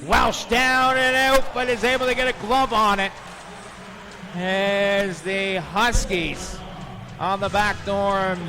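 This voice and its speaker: A man calling hockey play-by-play at a steady clip that lifts on saves. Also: high voice, slow, long pauses, noisy background. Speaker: play-by-play announcer.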